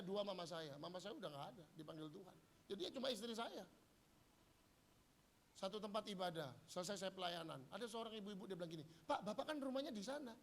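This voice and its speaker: Preaching in church, a middle-aged man cracks jokes and performs short quoted exchanges as part of a humorous sermon. His voice is high and a little bright.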